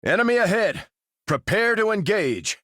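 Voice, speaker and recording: An actor with an American accent playing a dutiful, resolute soldier who commands a superhero team in a video game, firm and plain-spoken. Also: male voice, high voice, sing-song, moderate pace, bright, forceful tone, no echo, clean studio sound, full character voice. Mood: urgent, commanding. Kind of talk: video game character voice lines.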